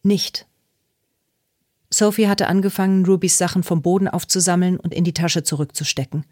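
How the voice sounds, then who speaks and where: A woman narrating a novel in a calm, measured way. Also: lowish voice, no echo, studio quality. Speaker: audiobook narrator. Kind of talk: scripted narration.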